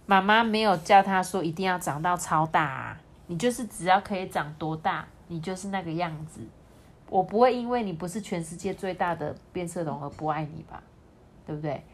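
Animated woman reading a picture book. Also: fairly low pitch, brisk, slight background noise. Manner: lively and animated, chatting with the listener. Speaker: storyteller.

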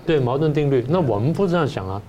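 An older man speaks quickly as a professor guest on a political talk show. His voice is dark and mellow, and he argues by playing out each side's lines himself. He keeps an animated, rapid rhythm throughout. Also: mid-range voice, slight background noise. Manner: animated, acts out both sides in the first person.

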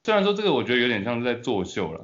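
Animated, jokey Taiwanese male talk host. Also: mid-range voice, muffled recording. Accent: Taiwanese Mandarin. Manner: jokey, teasing, quick to laugh. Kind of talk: casual sports banter.

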